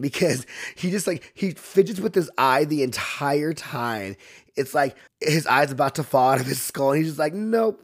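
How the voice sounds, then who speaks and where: This podcast host, a man, walks through a movie's plot in a loose, campy, talkative way. He fills his speech with "like" and voices the characters' quotes in a higher register.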